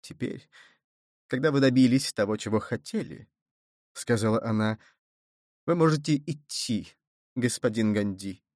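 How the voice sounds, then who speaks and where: A man's voice: mid-range voice, a little slow, pauses often, a little mellow, no room sound, studio quality, natural voice. A man voicing a proud, imperious queen who speaks in a commanding tone. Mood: bitter.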